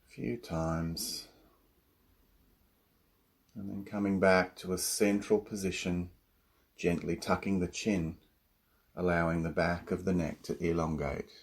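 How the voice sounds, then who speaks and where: In a calm, soothing, low-pitched voice, a man guides a yoga nidra relaxation as the teacher. He waits through long pauses before giving the next instruction.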